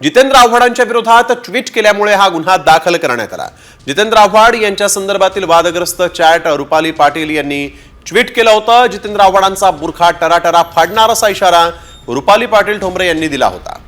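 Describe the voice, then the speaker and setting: A man reading television news bulletins in a formal, steady way. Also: high-pitched, quick pace. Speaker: news anchor.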